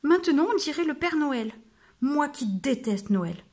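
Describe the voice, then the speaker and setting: A woman's voice: expressive, measured pace. A woman voicing a grumpy big male wolf who is never pleased with himself, exclaiming in a raised voice, reading a children's storybook. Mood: dismayed. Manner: exclaiming, higher and louder than her narration.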